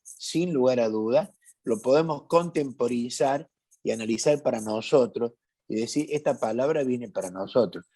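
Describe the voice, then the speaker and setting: Preaching to his congregation in a church meeting hall, a man from Córdoba speaks in a warm, mid-range voice with a Cordobese Argentine accent. His sermon is emphatic, packed with rhetorical questions and repeated phrases.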